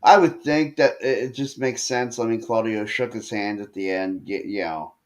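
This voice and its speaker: A man with a slightly low voice co-hosts a relaxed wrestling podcast. He tells match stories at length, circling back with fillers and restarts as he goes. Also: moderate pace. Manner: animated storytelling with frequent fillers and restarts. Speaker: podcast co-host. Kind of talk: casual wrestling chat.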